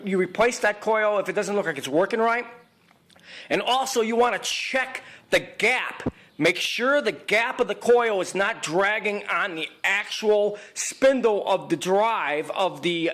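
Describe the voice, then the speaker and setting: Speaking unhurriedly in a high, fairly bright voice, a man walks through a tutorial over pictures as a video equipment repair technician. His casual narration is plain-spoken and emphatic, with frequent repetition.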